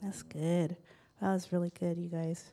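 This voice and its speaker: A woman's voice: lowish voice, flat delivery, normal speed, gravelly, dark tone. A woman facilitating a casual group sharing session, prompting people in an encouraging, upbeat way.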